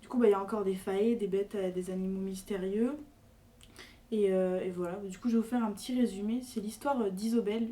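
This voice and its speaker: A woman's voice: medium pitch, mellow, recorded from a distance. A young woman presenting a book on a podcast in casual chat, hesitant with many fillers and restarts. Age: young adult.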